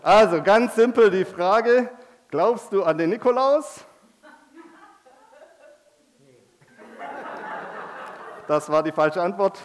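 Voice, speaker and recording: Guy doing a jolly old saint nicholas at a church gathering, kinda high voice, takes his time, big ho ho ho. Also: lively intonation. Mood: playful teasing. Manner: booming ho-ho calls, slow solemn verse recital. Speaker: man dressed as Saint Nicholas.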